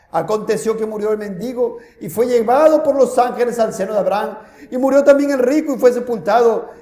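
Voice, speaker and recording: A man preaches in a high, ringing voice, pressing his listeners with rhetorical questions. His delivery swings from loud urging to near-hushed warnings. The sound carries the echo of a church hall. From Peru. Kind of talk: sermon.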